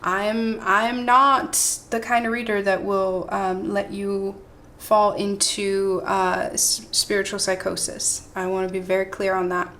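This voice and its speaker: A woman talks through a tarot reading at an ordinary, mid-range pitch. She wanders into side thoughts and keeps checking in with little "right?" and "okay?" asides, with a faint hum of background noise. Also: flat delivery, measured pace, fairly bright tone. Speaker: tarot reader. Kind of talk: pick-a-card tarot reading monologue.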